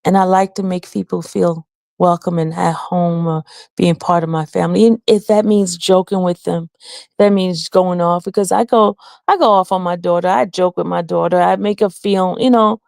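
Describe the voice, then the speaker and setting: A Haitian woman hosts her own livestream, speaking earnestly and from the heart to viewers and answering the chat now and then in a casual way. Her voice is lowish and a little mellow with vocal fry, delivered in a steady tone at normal speed. The recording is dry.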